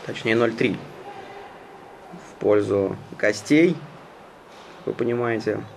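A man giving live hockey play-by-play in a measured, conversational manner. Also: on the low side, gravelly. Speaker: hockey commentator. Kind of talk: live sports play-by-play commentary. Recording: noisy ice rink ambience. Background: arena noise.

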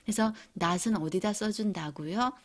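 Slow, patient woman teaching grammar. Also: medium pitch. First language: Korean. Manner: slow, patient explaining with frequent questions to students; drawn-out example sentences. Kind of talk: online grammar lesson.

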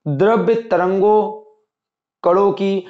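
Male teacher, fairly high voice, echoey room, dull lo-fi sound, repetitive and reassuring. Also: steady tone, takes it slowly, a little mellow. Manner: repetitive, assuring, addresses students as dear children. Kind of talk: exam-prep lecture.

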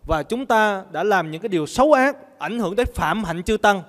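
High-voiced male monk preaching in a hall. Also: expressive, normal speed, fairly bright tone. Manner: asks the audience questions and answers them himself. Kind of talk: sermon with call-and-response questions.

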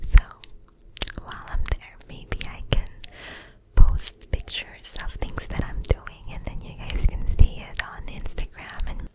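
A young woman whispering softly and slowly in ASMR style, very close to the microphone, as if right at the ear. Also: low-quality recording. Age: young adult. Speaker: ASMR video creator, nurse. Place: indoor room at home. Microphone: desk microphone very close to the mouth.

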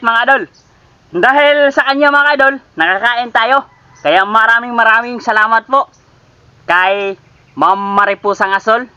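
Chatty man with a bright voice. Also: high-pitched, no echo. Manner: chatty, constantly addresses viewers as idols. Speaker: cooking vlogger. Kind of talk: casual cooking vlog chat.

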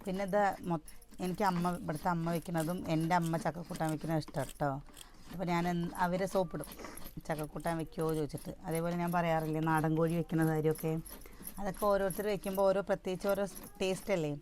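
A woman talks to her viewers in a relaxed home cooking vlog, chatty and direct. She has a sore throat, and her voice sits a little low. A faint hum of noise runs behind her. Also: quick pace. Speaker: cooking vlogger.

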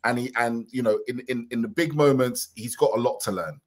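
A man co-hosting a casual football chat over a video call, steady and building his arguments in lists. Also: mid-range voice, a little fast. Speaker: co-host. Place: home room, video call.

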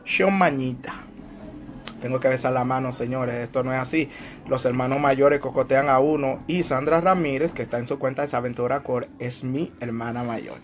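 A man's voice: medium pitch, little pitch movement, brisk, slight background noise. A man hosting a casual show, reading viewer comments in a playful, laughing, theatrical way. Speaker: show host and moderator.

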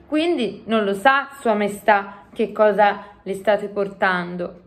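A woman voicing a sensible young girl who speaks firmly and scolds in a high, urgent voice. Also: takes it slowly, close to an everyday voice.

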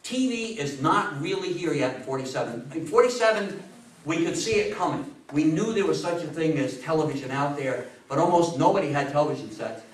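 An American man in his sixties, a public speaker on radio history, gives an informal, lively live lecture to an audience in a small indoor meeting room, repeating phrases for emphasis. His voice runs a little high and a little fast. A far camera microphone picks him up, so the sound is roomy, noisy and distant.

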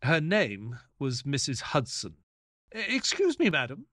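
A man playing a mild, earnest doctor who narrates his detective tale in a measured, polite audio play style. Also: on the high side, huge pitch swings, pushed and bright, dry recording, studio quality, exaggerated voice. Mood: hesitant, polite. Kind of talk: dramatic first-person audio play narration.

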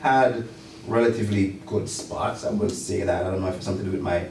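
A man's voice: sits low, steady tone, fast talker, a little mellow. A man with a Jamaican accent speaking reflectively in a round-table discussion, emphatic and repeating words as he goes. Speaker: college faculty member. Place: small indoor meeting room. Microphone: far camera or room mic. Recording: distant mic, echoey room, some noise.

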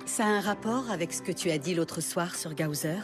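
An actress playing a self-assured sorceress in an anime dub, composed, dry and commanding. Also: female voice, on the low side, fairly quick, music in the background, lightly acted. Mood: cool, guarded.

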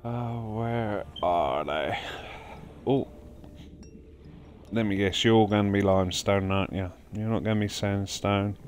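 A man's voice: fairly low pitch, level tone, normal speed, long pauses, soft background music. A man giving casual let's-play commentary as he plays, chatting to the game's creatures. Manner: chatty, talks to game creatures while playing. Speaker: gaming livestreamer.

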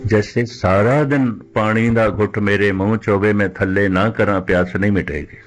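A man preaching a Sikh sermon who poses rhetorical questions and slows right down to recite scripture lines. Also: fairly low pitch, fairly even intonation, soft background music. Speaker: Sikh preacher giving katha.

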